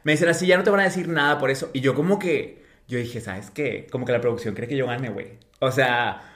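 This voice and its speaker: Bright-voiced Mexican man telling stories casually. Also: medium pitch, fairly quick. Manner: expressive, slangy, acts out dialogue. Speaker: podcast guest. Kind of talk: casual chat, animated storytelling.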